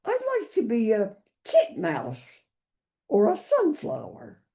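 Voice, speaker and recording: A woman voicing a snooty middle-aged European woman army major in a high-pitched, haughty voice, read aloud from a book. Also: wildly swooping pitch, slow pace, mellow, full character voice.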